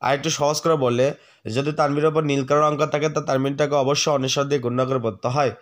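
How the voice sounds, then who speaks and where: A man teaching the rules of Quran recitation, patiently spelling out each letter, asking the viewer questions and reciting words slowly for them to repeat. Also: mid-range voice, fairly even intonation. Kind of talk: tajweed lesson, spelling out letters and drawn-out recitation.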